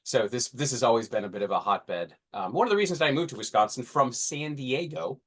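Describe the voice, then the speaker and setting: A man in his forties co-hosts a podcast, talking casually at a brisk clip in a medium-pitched voice. He rambles and keeps restarting mid-thought.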